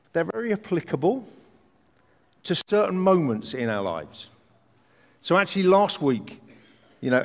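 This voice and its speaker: A man preaching a sermon in a conversational, joking way with rhetorical questions, his voice a little croaky. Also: fairly high pitch. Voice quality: slightly croaky morning voice. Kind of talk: sermon to a congregation. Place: large hall, speaking to a congregation. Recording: reverberant hall.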